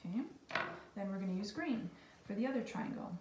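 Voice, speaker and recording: In an echoey room picked up by a distant mic with faint noise, a woman teaches young children a craft. She's a kindergarten teacher with a mid-range voice and a brisk delivery, keeping her step-by-step directions simple, casual and reassuring.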